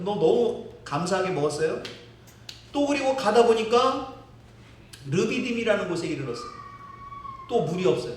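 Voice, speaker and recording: A man's voice: high-pitched, a little hiss or hum. A male pastor preaching a sermon, telling the story vividly, acting out quotes and chuckling. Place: church sanctuary. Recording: very echoey hall, distant mic.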